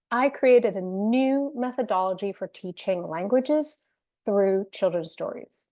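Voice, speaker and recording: A woman with a mid-range, dark-toned voice presents an online teacher-training webinar through a computer mic on a video call. Earnest, with some fillers and restarts, she is the company's co-founder, from a Venezuelan family and raised in Spain and the UK.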